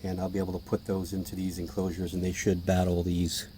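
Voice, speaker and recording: A tarantula keeper narrates a casual hobby vlog while filming his spiders' feedings, his low voice hoarse, monotone and fast, and he keeps clearing his throat. He's chatty and offhand but drops to a hush while watching, with a little hiss or hum in the recording.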